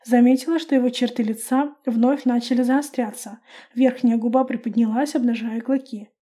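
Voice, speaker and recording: A woman narrating a first-person fantasy audiobook with a lively, expressive reading. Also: on the high side, moderate pace.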